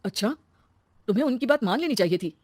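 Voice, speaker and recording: A woman voicing a hot-tempered young husband in a cartoon story, speaking loudly and quick to argue. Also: fairly high pitch, animated, no echo.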